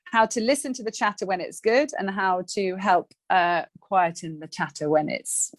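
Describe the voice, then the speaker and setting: A woman's voice: mid-range voice, moderate pace, no room sound. A woman guest on a podcast interview, chatting casually and animatedly about her life and work. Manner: chatty, animated, acts out little scenes. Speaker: guest coach.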